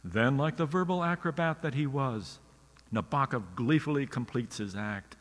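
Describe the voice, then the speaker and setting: A man's voice: medium pitch, normal speed, big-room sound. A man, a writer, giving a scripted radio lecture in a wry, literary storytelling manner.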